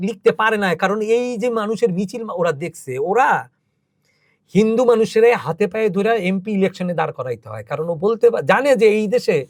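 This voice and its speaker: The speaker is a man whose voice sits high with a darkish tone, recorded in studio quality with no room sound. As a podcast guest and cultural organizer, he tells emotional, emphatic stories with rising intensity in impassioned interview talk.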